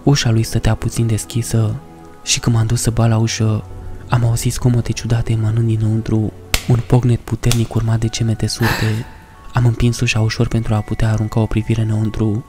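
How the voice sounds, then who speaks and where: A man narrating a first-person horror story in a measured, somber way. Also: lowish voice, completely flat delivery, mellow, faint music behind.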